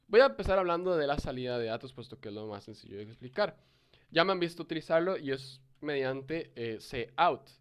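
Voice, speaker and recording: A man's voice: fairly high pitch, clear, resonant tone. A young man in his early twenties giving a screen-recorded programming lesson. He reads code aloud step by step and corrects himself as he goes. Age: young adult. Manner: explains step by step, reading code aloud, with fillers and self-corrections. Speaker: programming tutor.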